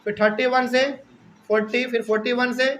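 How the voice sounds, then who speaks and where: A man with a notably high voice teaches a math class, walking through each step and posing questions that he then answers himself. A faint hiss of noise sits under his voice. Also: flat delivery, normal speed, a bit bright, rough recording.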